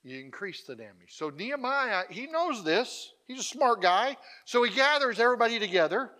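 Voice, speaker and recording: Bright high-voiced man preaching chattily. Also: sing-song, moderate pace. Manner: chatty, emphatic, checks in with the congregation with asides. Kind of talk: conversational sermon.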